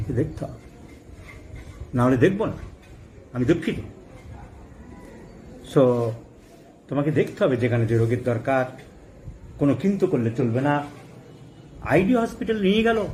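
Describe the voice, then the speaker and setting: A middle-aged man giving a homeopathy lecture, emphatic, rising to forceful high stresses and mixing in English medical terms. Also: low-quality recording. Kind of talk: lecture with anecdotes. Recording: faint background noise.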